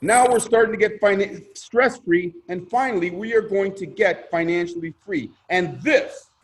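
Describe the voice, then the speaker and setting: A male presenter with a high voice gives a motivational sales pitch for a crowdfunding scheme at a normal speed. He is emphatic and theatrical, building his points by repeating himself and putting questions to his listeners.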